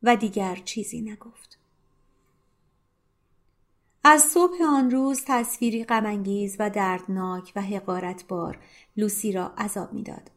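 A woman narrating a literary novel as an audiobook, in a soft, hushed manner that sinks to near whispers. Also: medium pitch.

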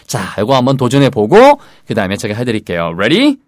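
A man with a Korean accent teaching English in a casual lesson, drilling phrases slowly and rhythmically. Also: mid-range voice, huge pitch swings, no echo, studio quality.

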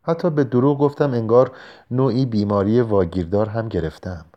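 A man calmly narrating a novel in a measured storytelling voice. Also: mid-range voice, dull audio. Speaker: audiobook narrator. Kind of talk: scripted narration.

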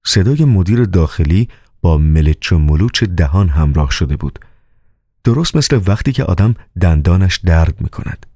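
A man reading an audiobook novel with calm, measured storytelling. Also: low-pitched, no room sound, studio quality. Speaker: audiobook narrator. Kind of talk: scripted narration.

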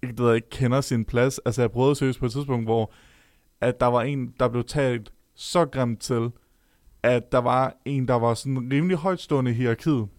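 A man's voice: mid-range voice, steady tone, a little mellow, no echo. Young guy on a podcast, lots of ums, mid voice, dry close sound. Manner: hesitant, many filler sounds. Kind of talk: casual podcast chat.

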